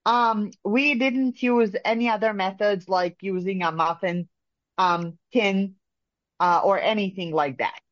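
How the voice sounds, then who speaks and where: A woman from Bosnia, speaking in a halting way with many pauses and fillers as a caller in a phone-in discussion. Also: medium pitch, dry recording. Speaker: caller sharing experience. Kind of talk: casual phone-in talk. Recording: muffled lo-fi line.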